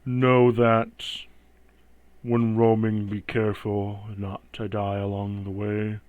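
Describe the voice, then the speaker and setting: A man voicing a solemn undead death knight in tabletop fantasy role-play, speaking in grave, formal, measured pronouncements. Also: fairly low pitch, monotone, dry recording, phone-quality sound, voice pushed down. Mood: solemn warning.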